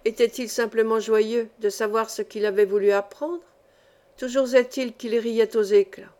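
A woman reading a classic novel aloud, calm and measured, as an audiobook narrator. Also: fairly high pitch. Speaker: audiobook reader.

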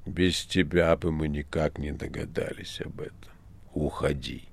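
Мужчина озвучивает надменного древнего князя тьмы — медленно, презрительно и размеренно, в аудиокниге. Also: male voice, extremely low pitch, fairly even intonation, vocal fry, a little hiss or hum, pitched below the performer's own voice, full character voice. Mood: scornful. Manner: slow, scornful, measured. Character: haughty ancient male prince of darkness. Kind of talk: audiobook reading.

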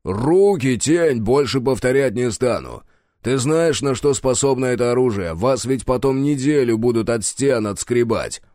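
A man's voice: mid-range voice, normal speed, darkish tone, no room sound, studio quality, close to an everyday voice. A man voicing a stern adult male captain in an audiobook, curt and commanding. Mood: threatening. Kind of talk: audiobook character voice.

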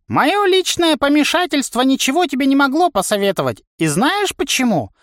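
A cranky old four-armed warrior trainer for an audiobook, barking high and gruff. He scolds and shouts with a wildly swinging voice. The recording is dry and close. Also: very animated, normal speed, no echo, full character voice. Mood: grumpy.

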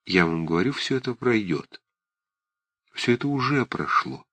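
Brief: soft-spoken devout girl, hushed and restrained, dry close read, a male narrator putting her on. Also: medium pitch, lively intonation, normal speed, husky, dry recording. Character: quiet, devout young woman, gentle and restrained. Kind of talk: audiobook character reading.

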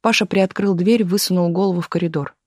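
An audiobook reader narrating a novel in a steady, even manner. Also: medium pitch, quick pace, dry recording, clean studio sound. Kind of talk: scripted narration.

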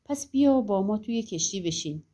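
A woman's voice: mid-range voice, animated, mellow, pitched above the performer's own voice, natural voice. A woman voicing a simple, earnest young peasant lad in a storybook audiobook. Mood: friendly.

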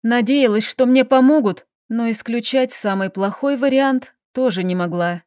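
A woman reading a first-person story aloud as an audiobook, steady and measured. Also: fairly high pitch, no echo, studio quality. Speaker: audiobook narrator.

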